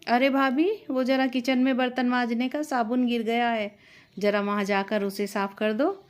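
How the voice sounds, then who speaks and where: A woman's voice: a little high, fairly even intonation, normal speed, natural voice. A woman voicing a spoiled young sister-in-law who talks back dismissively. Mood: sassy. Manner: dismissive, sassy.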